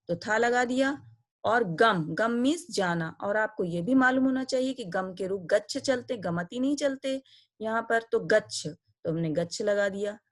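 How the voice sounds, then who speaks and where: A woman teaching an online Sanskrit grammar lesson, patiently explaining step by step and reciting verb endings slowly and deliberately. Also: on the high side.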